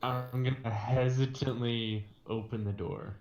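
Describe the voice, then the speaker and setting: A man playing a tabletop role-playing game with a dry, self-deprecating manner. He speaks very slowly, his voice echoing in the room over faint hiss. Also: mid-range voice, fairly even intonation, darkish tone. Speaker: player. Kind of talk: casual tabletop game chat.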